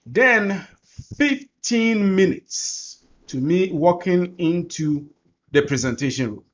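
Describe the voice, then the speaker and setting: A man's voice: high-pitched, animated, takes it slowly, fairly bright tone, muffled recording. A man from Ghana with a Ghanaian accent, teaching through personal stories and repeating phrases for emphasis. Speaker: course presenter. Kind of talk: personal storytelling in a lesson.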